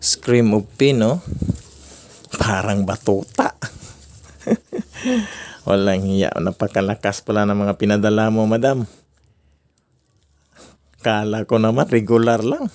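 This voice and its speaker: Slow-talking low-voiced Filipino man. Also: fairly even intonation, a little mellow. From Philippines. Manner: slow, drawn-out naming of items, frequent chuckles. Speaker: fireworks vlogger. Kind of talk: casual unboxing vlog.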